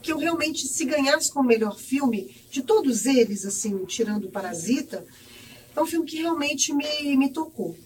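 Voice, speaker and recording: A woman's voice: sits high, lively intonation, normal speed. A Brazilian woman chatting emphatically as a film panelist, often calling out to the group. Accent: Brazilian Portuguese. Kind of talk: casual chat. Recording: voice from far off the mic.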